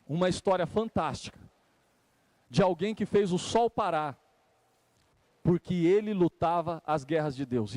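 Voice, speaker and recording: At a live church service, a Brazilian man preaches a sermon, repeating phrases for emphasis and talking to his listeners conversationally. His voice sits on the high side and is a little mellow, and the recording is dry.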